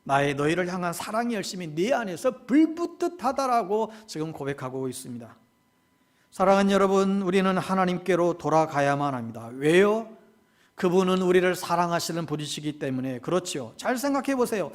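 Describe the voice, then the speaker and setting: A man's voice: high-pitched, big pitch swings, brisk. A male pastor preaching a sermon, speaking earnestly to his congregation and lifting his voice when he voices God's pleas. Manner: addresses congregation directly.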